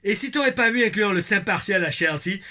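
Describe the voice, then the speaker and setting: Man putting on a loud teasing Québécois fan. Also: sits high, lively intonation, fairly quick, pitched above the performer's own voice, heavily acted. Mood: hearty teasing. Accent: put-on Québécois. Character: cheeky male Quebec viewer reading his own comment.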